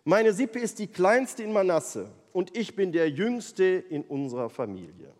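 A man acts out a grumpy young man, discouraged and doubting himself. The voice moves with lively pitch. A long hall reverb trails behind. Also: unhurried. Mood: grumbling.

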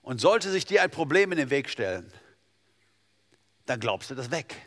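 A male pastor delivers a lively sermon, rising to loud emphatic peaks and then dropping to near-hushed intimacy. His voice sits at an ordinary middle pitch. A long reverb trails his words around a church hall. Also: normal speed.

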